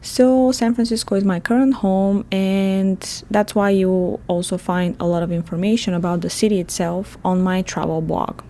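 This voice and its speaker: A woman's voice: medium pitch, steady tone, moderate pace, hardly any pauses, mellow. A woman in her thirties from Bulgaria, with a Bulgarian accent, hosting a solo podcast in a chatty manner and laughing often. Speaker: podcast host.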